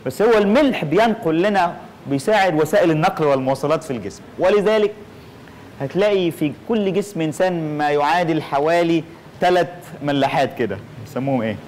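A man's voice: fairly high pitch, expressive, fast talker, darkish tone, a little hiss or hum, rough recording. A man with an Egyptian Arabic accent giving an informal lecture, playful and punning, slipping English phrases into his talk.

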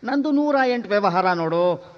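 An actor playing a stingy, bossy elderly master who talks in a gruff, clipped way. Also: male voice, sits high, animated, moderate pace. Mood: scheming. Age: older. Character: stingy elderly male master scheming over dowry. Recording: dull lo-fi drama recording.

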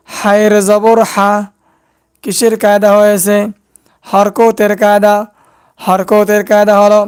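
A man teaching Quran recitation step by step, slowly drilling syllables and asking and answering his own questions. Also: high-pitched, darkish tone, clear, resonant tone.

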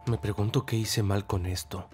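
An actor playing a patient young man who gently coaxes a small child to eat, in a Spanish-dubbed TV drama. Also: on the low side, fairly even intonation, normal speed, over music, lightly acted. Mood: coaxing. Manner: gentle, coaxing.

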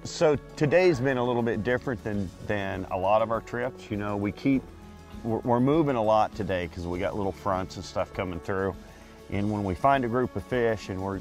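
A man who fishes catfish tournaments, talking in a relaxed, plain-spoken way on an open boat. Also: on the low side, vocal fry. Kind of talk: casual fishing show talk.

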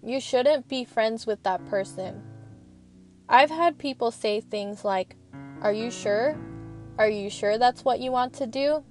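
A woman's voice: on the high side, measured pace, soft background music. A young woman student rambling in a chatty, earnest voice-over, recorded in her parked car. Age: young adult. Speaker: student vlogger.

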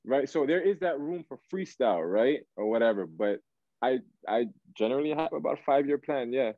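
An R&B singer from Canada, raised in Toronto, talks as an interview guest in a brisk, animated, mid-range voice. He's casual and slangy, often checking that he's understood, speaking from an indoor room over a dull, lo-fi video call without echo.

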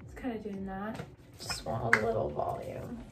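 A woman's voice: mid-range voice, very animated, normal speed, loud music behind the voice. A woman in her twenties chatting casually to a handheld camera in a vlog, bubbly and full of filler words. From USA. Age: 20s. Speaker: vlogger. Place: apartment, car and outdoors. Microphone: handheld phone or camera at arm's length.

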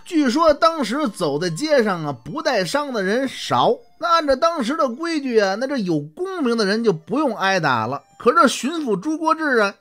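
A woman telling a historical story in a chatty traditional storytelling style, addressing the listener directly. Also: fairly high pitch.

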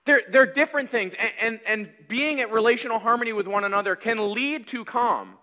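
A pastor in his thirties delivers a sermon from the pulpit of a large church, speaking fairly quickly in a conversational, energetic manner. His high voice comes across bright and forceful, ringing out with a long hall reverb.

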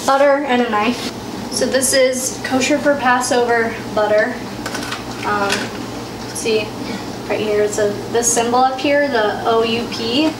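Unhurried and fairly high-pitched, a teenage girl explains a recipe step by step while cooking at home for her vlog, chatty and heavy on fillers. Her phone camera is sometimes handheld, and the echoey kitchen carries loud background noise.

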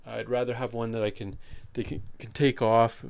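A man giving a relaxed walkthrough of his trailer build, explaining as he goes with some fillers. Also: medium pitch, moderate pace, creaky, clear, resonant tone, no room sound. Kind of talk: casual walkthrough tour. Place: inside a converted cargo trailer.

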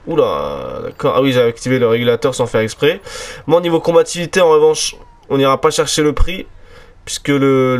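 A man giving chatty, excitable let's-play commentary on a cycling race game, cheering on his riders. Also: on the high side. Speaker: gaming commentator.

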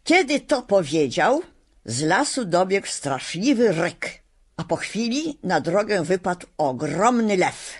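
Expressive woman reading a storybook. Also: lowish voice, slow, slightly rough. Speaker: audiobook narrator. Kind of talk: storybook narration.

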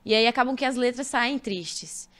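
A young woman from Brazil, a singer, chatting as a guest in a relaxed podcast interview, animated and full of fillers. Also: fairly high pitch, normal speed. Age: young adult. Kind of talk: casual interview chat.

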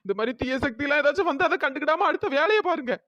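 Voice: sits high, animated, racing, lo-fi sound, heavy background noise. A performer voicing a bossy young village woman in a cartoon story, scolding and urging the others on.

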